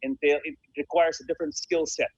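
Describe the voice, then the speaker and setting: The president of a bobsled team speaks as an interview guest, enthusiastic and repeating phrases for emphasis. His voice is a little high, slightly rough and level, and he talks fast. The dry recording has dull, lo-fi call quality.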